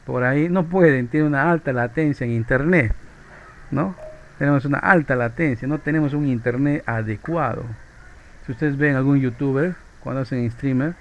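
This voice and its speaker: On a rough recording, a man from Peru with a Peruvian Spanish accent and mid-range voice lectures informally on physics, keeping things chatty and often finishing phrases with a questioning tag.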